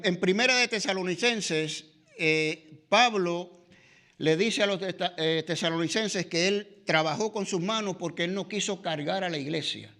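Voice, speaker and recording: A man's voice: sits high, a bit bright. A middle-aged man with a Latin American Spanish accent teaching a church discipleship class, conversational, often tagging lines with "¿verdad?" and "eh". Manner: conversational, frequent "¿verdad?" and "¿no?" tags, filler "eh". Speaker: Bible teacher.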